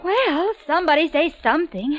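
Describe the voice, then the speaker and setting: A woman's voice: very animated, normal speed, lo-fi sound, faint music behind. An actress playing an overwrought, accusing female murder suspect in a 1940s AM radio melodrama. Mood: tense, accusing. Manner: overwrought, shrill.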